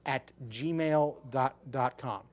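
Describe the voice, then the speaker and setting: Very slow and mid-range in pitch, this podcast co-host chats casually about wrestling. He tends to ramble and restart his words as he explains.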